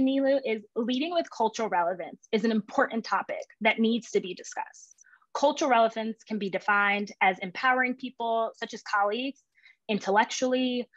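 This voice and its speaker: A woman hosting a professional panel chat, polished and reading from prepared notes. Her voice sits at a middle pitch and comes through dull and lo-fi. The sound is close and dry, with no room around it. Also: no echo. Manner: polished, reads prepared introductions with occasional fillers. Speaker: moderator.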